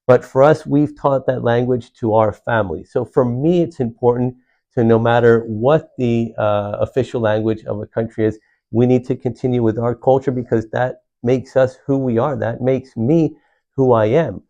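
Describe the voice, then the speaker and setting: Speaking at a moderate pace in a dark, mid-range voice, a middle-aged Puerto Rican man who is a county commissioner earnestly fields interview questions. He restarts frequently with "uh" and repeats words, over lo-fi sound.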